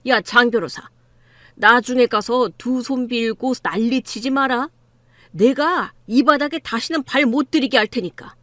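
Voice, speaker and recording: A woman's voice: a little high, unhurried, pushed and bright, no echo. A woman voicing an arrogant, crude middle-aged man who runs a law firm, in an audiobook drama reading, talking in a sneering, bullying way.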